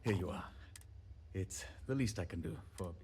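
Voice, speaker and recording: A man's voice: low-pitched, expressive, dark tone, slight background noise. An actor playing a fretful, apologetic male handyman who rambles and talks himself down, in video game dialogue. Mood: nervous, rambling. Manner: rambling, self-deprecating, quick to apologize.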